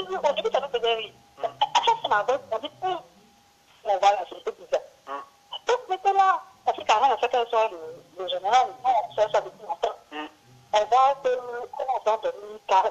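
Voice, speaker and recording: A caller rambling through a long story over the phone, full of restarts. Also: mid-range voice. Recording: muffled phone call recording.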